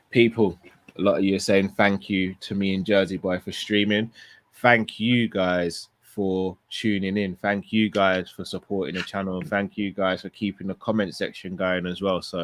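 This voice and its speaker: A man hosting a football watchalong livestream, his voice croaky and tired, thanking viewers in a relaxed, rambling way. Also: low-pitched, dry recording. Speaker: host. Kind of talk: casual livestream sign-off.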